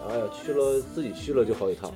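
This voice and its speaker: A talk show storyteller from Daqing speaks with a Northeastern Chinese accent in a mid-range voice, quickly, over music. Among friends, he shares personal stories in a relaxed, slangy, down-to-earth way with a bit of swearing.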